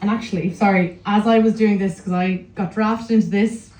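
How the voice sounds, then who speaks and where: The voice is a young Irish woman's, relaxed and mellow at a middling pitch. She tells personal stories like an informal Irish storyteller, chatty and humorously self-deprecating, speaking live in a noticeably echoey room. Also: normal speed, far from the mic. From County Laois, Ireland. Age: young adult. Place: indoor room at a live event.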